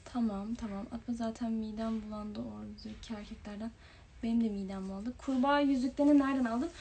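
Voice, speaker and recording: A woman's voice: fairly high pitch, steady tone, quick pace, noisy background. A young woman hosting a casual livestream, reading viewers' comments aloud and answering them in a chatty way. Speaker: livestream host. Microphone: phone or webcam livestream.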